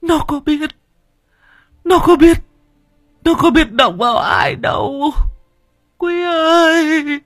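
A man's voice: extremely high pitch, expressive, takes it slowly, pauses often, fairly bright tone, no echo, clean studio sound, pitched above the performer's own voice, exaggerated voice. A man voicing a grief-stricken village mother who wails and shrieks. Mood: wailing grief.

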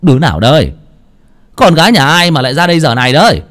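A man doing a gruff, shouting village man. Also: on the low side, huge pitch swings, moderate pace. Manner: gruff, shouting when scolding. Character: gruff middle-aged village man, loud and scolding.

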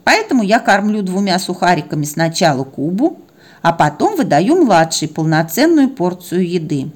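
A woman's voice: on the low side, very animated, normal speed. A woman narrating a story in a wry, chatty way.

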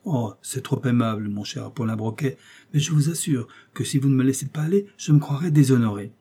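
A man voicing an excitable Italian male host who pleads agitatedly and turns furious, in a storybook reading. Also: mid-range voice, a little fast, slightly rough. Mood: pleading.

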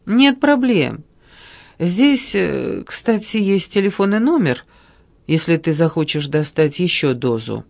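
A man's voice: sits high, very animated, slow, creaky, heavily acted. A man reading aloud and voicing a blunt, sarcastic pregnant young woman in a storybook, speaking in curt, dry lines.

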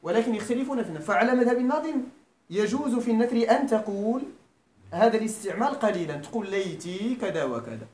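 Lively Moroccan man teaching grammar. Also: sits high, fast. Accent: Moroccan Arabic. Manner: keeps quizzing students and checking they follow. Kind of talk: classroom lecture. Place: lecture room at a Quran school. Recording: echoey room, faint background noise.

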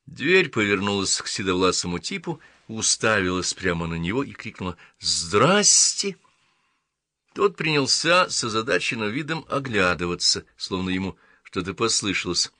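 A man narrating an audiobook in an even, measured reading. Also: on the low side, no room sound, studio quality.

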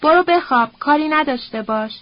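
A woman's voice: high-pitched, close to an everyday voice. A woman voicing a weary, bitter young man who speaks curtly and sternly, on a dull, lo-fi recording. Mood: curt angry. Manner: curt, stern.

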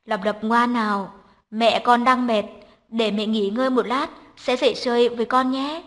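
Woman reading as a firm, sure young woman in a storybook, soft when she comforts, voice sits a bit high. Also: fairly even intonation, moderate pace, natural voice. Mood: steady. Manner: gentle, soothing when comforting. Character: young woman, decisive and strong-willed.

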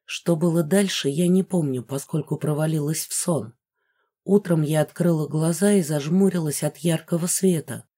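A woman narrating a first-person novel as an audiobook in a smooth, even storytelling manner. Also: sits low, moderate pace.

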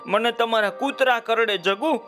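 A man voicing a gentle, smiling male god who speaks kindly and reassuringly in a children's tale. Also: extremely high pitch, normal speed, soft background music, pitched above the performer's own voice.

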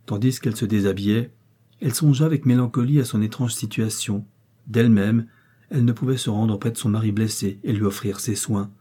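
Male audiobook narrator, low, dark and husky, measured novel reading. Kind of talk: scripted narration.

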